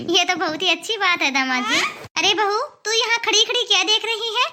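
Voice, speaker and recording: A woman voicing a gentle, doting aging mother in a cartoon, who talks in a fretful way. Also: extremely high pitch, fairly quick, slight background noise, full character voice. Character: gentle aging mother, soft-hearted mother-in-law. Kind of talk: cartoon dubbing.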